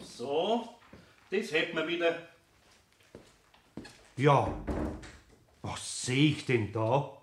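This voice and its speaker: An older man with a Bavarian accent playing a kindly, patient master carpenter in a radio play, with gentle, folksy speech. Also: a little high, full character voice. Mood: fond.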